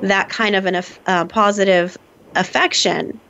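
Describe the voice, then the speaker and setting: A woman's voice: mid-range voice, fairly even intonation, unhurried, pushed and bright, a little hiss or hum. Woman podcast host, mid-range voice, reflective and agreeable, slightly dull sound. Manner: affirming, reflective, frequent "right" and "exactly". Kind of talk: casual podcast conversation.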